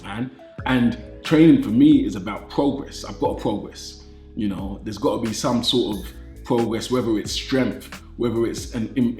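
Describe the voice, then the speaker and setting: Addressing his viewers casually, this thirty-something British man, a fitness YouTuber, speaks with enthusiasm in a nasal, mid-range voice. The recording is reverberant, and he keeps repeating phrases and dropping "man" often.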